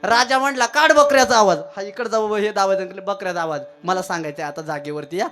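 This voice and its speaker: A man's voice: sits high, brisk, a bit bright. A man with a Marathi accent preaching a devotional kirtan in a village temple, telling stories, repeating key lines with emphasis and breaking into chanted verse. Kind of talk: devotional kirtan sermon with storytelling and sung verses. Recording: live temple sermon with instrument accompaniment.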